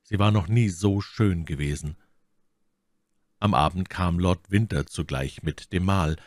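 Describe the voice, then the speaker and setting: Low-voiced male audiobook narrator. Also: no echo, clean studio sound. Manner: measured, storytelling. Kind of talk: scripted narration.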